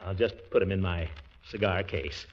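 An actor playing a pompous, blustering middle-aged uncle in a 1940s radio comedy, exclamatory and theatrical. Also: male voice, sits low, moderate pace, husky. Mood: self-important, huffy. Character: pompous, blustering middle-aged uncle, vain small-town big shot. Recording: muffled vintage 1940s radio recording.

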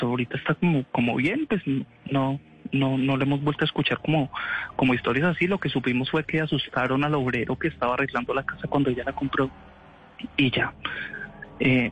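A man's voice: medium pitch, a bit bright, highs cut off. Guy rambling through a story, keeps restarting, slangy, faint music behind. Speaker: interviewee. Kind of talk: casual storytelling.

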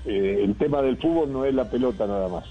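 A man's voice: mid-range voice, fairly quick. A man talks as a football coach in a radio interview. He muses at length, circling back with fillers and restarts, his voice sitting in a middle register. The line sounds dull and lo-fi. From Uruguay. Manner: reflective, rambling with many fillers and restarts.

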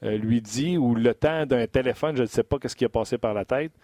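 A man's voice: medium pitch, a little fast, mellow, dry recording. A man with a Québécois French accent hosting a hockey draft talk show, chatty and full of hesitations. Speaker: sports radio host.

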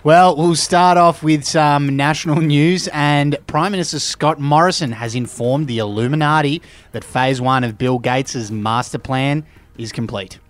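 An Australian man anchoring a mock news bulletin, straight-faced and deadpan. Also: a little high, measured pace. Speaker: news anchor of satirical show.

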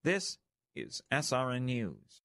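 A man's voice: medium pitch, very animated, slow pace, fairly bright tone, dry recording. A man with an American accent reading scripted radio news as an anchor.

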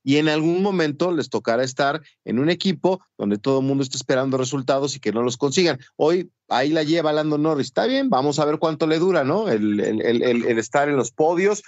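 A man's voice: fairly high pitch, expressive, fairly quick, hardly any pauses, a little mellow, no room sound. Opinionated man, dry dull sound. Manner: opinionated, uses sayings. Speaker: sports podcast co-host. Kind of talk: casual sports chat.

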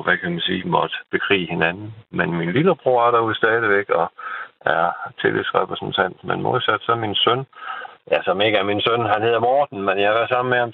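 A man's voice: on the low side, vocal fry. A middle-aged man calling in over the phone, chatting casually and rambling with repeated words and tag questions. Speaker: caller. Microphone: telephone. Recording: tinny phone line.

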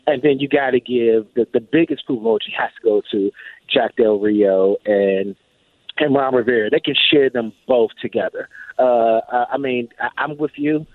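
A man's voice: medium pitch, moderate pace, dry recording. A man calling in to a sports radio show, chatty and rambling, with stumbling restarts. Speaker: caller. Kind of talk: call-in sports chat. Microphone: telephone. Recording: tinny phone line.

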